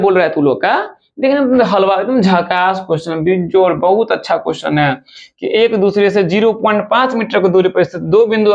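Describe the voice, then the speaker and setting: A male physics teacher races through exam questions in a quick, chatty way. His voice sits high and gravelly. The recording sounds dull and lo-fi. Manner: fast, chatty, addresses students informally as "bachcha". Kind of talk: objective-question exam lesson.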